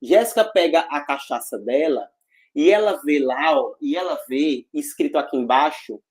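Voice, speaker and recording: A man teaching a physics class online, energetic and jokey, full of slang and check-ins with the students. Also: on the high side.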